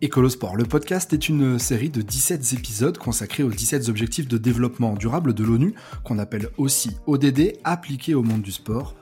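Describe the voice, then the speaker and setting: Podcast host: man, average pitch, clear presenter delivery, light background music. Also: fairly quick, few pauses, dark tone. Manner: clear, read-aloud presenting. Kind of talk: scripted podcast intro and interviewing.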